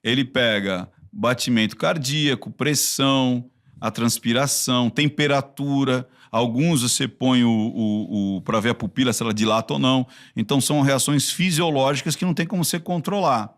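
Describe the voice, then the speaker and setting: A Brazilian man with a Brazilian Portuguese accent and a mid-range voice, chatting casually on a podcast. He tells stories in an animated way, often breaking off and restarting his sentences as he goes. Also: mid-range voice, moderate pace. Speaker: body-language expert.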